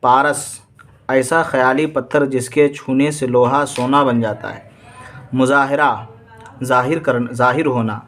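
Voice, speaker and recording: A man's voice: medium pitch, steady tone, fairly bright tone. A man with an Indian Urdu accent teaching exam vocabulary. He reads each word with its meaning, repeats it and quizzes his students.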